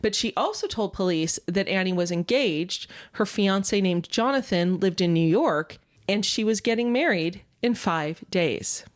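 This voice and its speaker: A woman co-hosting a true-crime podcast, explaining facts in a steady, matter-of-fact way. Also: medium pitch, unhurried. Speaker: podcast co-host.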